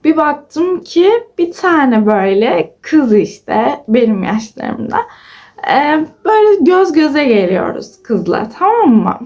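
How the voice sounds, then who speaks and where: This vlogger, a woman in her twenties, has a high, slightly mellow voice that's very animated, though she takes it slowly. She chats with her followers, telling stories and acting out people's words with giggles.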